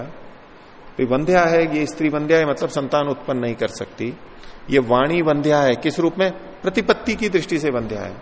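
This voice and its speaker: Guy explaining old scripture in a big echoey hall, faint hiss, mid voice. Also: medium pitch. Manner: explains each term slowly with many examples, rising to stress points. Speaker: yoga philosophy teacher. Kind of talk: scripture lecture. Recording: long hall reverb with faint noise.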